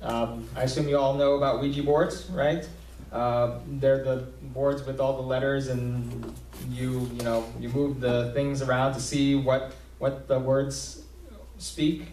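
A man's voice: medium pitch, flat delivery, measured pace, darkish tone, a little hiss or hum. A young man preaching a sermon in a small church hall, talking conversationally with many fillers and restarts. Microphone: podium mic, filmed from a far camera. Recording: roomy hall sound from far off.

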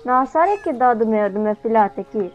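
A young Brazilian gaming YouTuber gives chatty, casual let's-play commentary with a Brazilian Portuguese accent, talking to the game and getting startled easily. Her voice is a little high, expressive, and a little fast, on a dull lo-fi recording with game music in the background.

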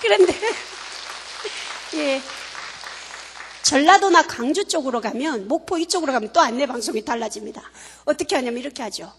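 High-voiced woman giving a church testimony. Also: moderate pace, long pauses, a faint crowd, slight background noise. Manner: playful, animated, turning soft and hushed. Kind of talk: humorous then earnest testimony. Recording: long church-hall reverb.

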